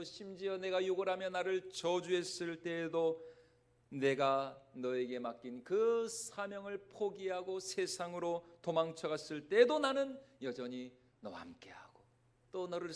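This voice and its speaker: A pastor voicing a gently loving Jesus. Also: male voice, high-pitched, moderate pace, clear, resonant tone, lightly acted. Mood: tender. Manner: tender, reassuring. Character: gentle loving man, Jesus addressing Peter.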